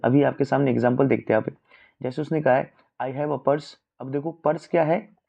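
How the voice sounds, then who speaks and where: A man's voice: mid-range voice, steady tone, moderate pace, creaky, mellow. A man teaching an exam-prep grammar lesson. He keeps asking his listeners questions and then answers them himself. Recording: dull lo-fi recording.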